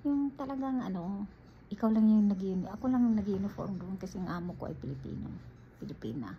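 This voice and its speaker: A woman from the Philippines tells her own story straight to her viewers, calling them guys as she goes. Her delivery is animated, and the recording sounds dull and lo-fi with faint ambient noise behind her. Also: mid-range voice, quick pace. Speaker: vlogger.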